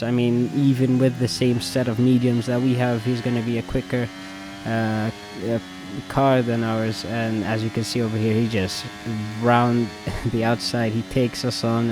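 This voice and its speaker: A man's voice: mid-range voice, noisy background. A man giving casual, rambling commentary over his own racing game, his voice still recovering from an illness and full of hesitant fillers. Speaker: gamer and video creator.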